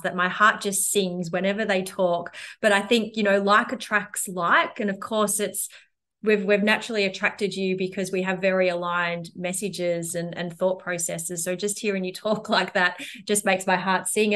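A woman co-hosts a podcast at a medium pitch. She speaks in an effusive, reflective way as she chats with her guest. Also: pushed and bright. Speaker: podcast co-host. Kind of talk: casual podcast interview.

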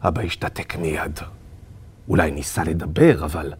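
A man narrating a children's story in an expressive, theatrical way. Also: extremely low pitch, husky. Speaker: story reader.

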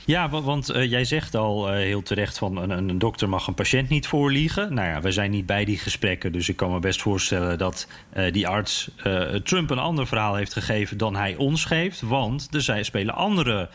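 A man's voice: on the low side, animated, normal speed, fairly bright tone. A man hosting an interview, asking questions with some hesitation and often agreeing with his guest. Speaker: host. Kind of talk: interview conversation.

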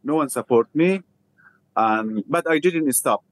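Afghan-accented man telling his story haltingly. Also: a little high, lively intonation, no room sound, rough recording. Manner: halting, simple non-native English with repeated phrases. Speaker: interview guest, refugee theatre founder. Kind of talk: personal storytelling in an interview.

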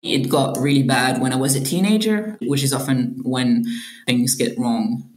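A woman's voice: a bass voice, moderate pace, darkish tone, echoey room. A young woman from Belgium, a doctoral candidate, telling her own story in an earnest, reflective interview. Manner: earnest, reflective, with some hesitant restarts. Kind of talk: personal testimony interview.

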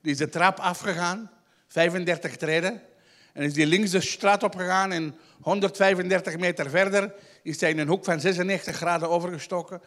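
With a high-sitting voice and steady tone, a young Flemish man does live stand-up at a tent show. He ribs the front row by shouting in a wild, drawn-out way.

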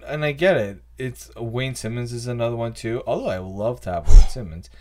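Male podcast host, average pitch, loose rambling delivery with filler words. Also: a little fast, a little mellow, a little hiss or hum. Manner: rambling, frequent ums and restarts. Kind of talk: casual sports chat.

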